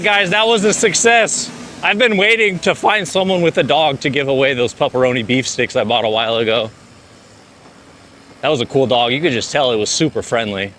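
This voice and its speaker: A man's voice: medium pitch, bright, forceful tone, slight background noise. A man chatting casually to camera as he rides a bike through city streets, laid-back and talkative. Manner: laid-back, chatty, says "dude" a lot. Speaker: vlogger. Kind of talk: casual vlog chatter while riding.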